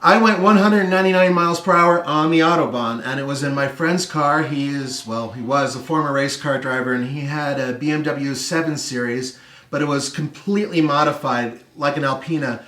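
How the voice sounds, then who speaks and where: A middle-aged man from California hosting a car show, telling casual stories with lively anecdotes and dry asides while seated on a living room floor. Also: fairly high pitch, normal speed. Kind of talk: casual storytelling chat. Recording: roomy echo, distant mic.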